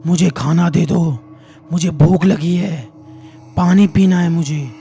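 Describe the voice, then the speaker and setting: A man's voice: on the high side, level tone, slow, soft background music. A man doing a possessed ravenous woman. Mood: screaming. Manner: shouting, demanding.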